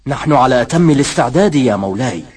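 A man's voice: mid-range voice, animated, very fast, a little mellow, a little hiss or hum, natural voice. Man acting deferential officer, Arabic historical drama. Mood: dutiful. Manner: deferential, earnest. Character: anxious, deferential officer reporting to his lord.

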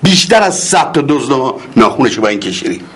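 A man's voice: medium pitch, big pitch swings, a bit bright. A man in a comedy sketch playing a stern uncle, boastful and commanding.

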